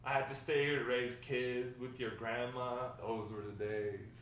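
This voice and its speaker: At an amateur script table read, a man plays a talkative old grandfather, reminiscing nostalgically in a rambling, conversational way with hesitant pauses. His natural, mid-pitched voice is warm and encouraging, with a level tone. The audio is very echoey and distant, with faint noise.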